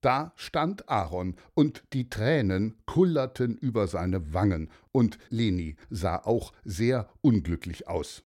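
Erzähler: Mann, liest Kindergeschichten, gemütlich und langsam, lebhafte Melodie. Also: male voice, fairly low pitch, lively intonation, slow, hardly any pauses. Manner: warm, chatty, addresses children directly. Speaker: storyteller. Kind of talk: children's story narration.

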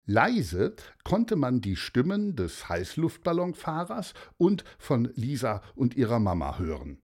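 A man reads a children's story aloud at a slow, unhurried pace. His voice is slightly husky, and its pitch moves a lot. He explains things gently and sometimes repeats small words. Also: wildly swooping pitch.

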